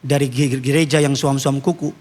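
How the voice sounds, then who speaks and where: A man preaching a sermon as pastor, swinging from low murmurs to loud calls and asking the congregation to respond. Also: fairly even intonation, brisk. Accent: Indonesian. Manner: asks congregation to respond and turn to neighbours.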